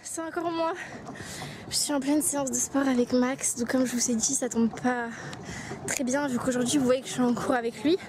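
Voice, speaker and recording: Steady in tone and moderate in pace, her high-pitched voice guides a laid-back day-in-the-life vlog as she goes from outside to home. She addresses viewers directly and occasionally lowers her voice to a whisper.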